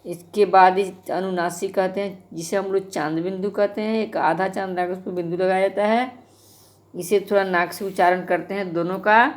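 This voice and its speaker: A woman's voice: mid-range voice, fairly even intonation, normal speed. A woman teaching a grammar lesson to schoolchildren, explaining patiently and speaking to the children directly.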